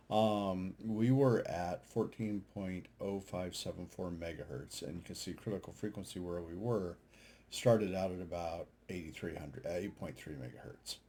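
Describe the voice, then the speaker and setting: Low and somewhat dark in tone, his voice carries over faint background noise. The man, an amateur radio operator who hosts videos, casually comments on data charts during a screen share, unscripted, pausing and reasoning aloud.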